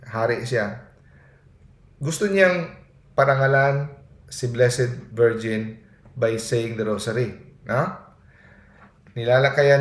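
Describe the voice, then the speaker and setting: A man giving an earnest sermon in mixed Tagalog and English, often tagging his points with a questioning "no?". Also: medium pitch. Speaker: preacher. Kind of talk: Taglish sermon. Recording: echoey room.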